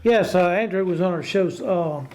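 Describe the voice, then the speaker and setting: A man hosting a casual sports talk show in a halting, stammering way, often repeating his words. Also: high-pitched, darkish tone.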